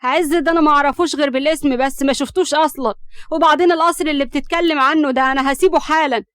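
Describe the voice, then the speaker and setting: A woman's voice: sits high, fairly even intonation, very fast. A woman with an Egyptian accent voicing a proud, defiant young student who answers back tensely.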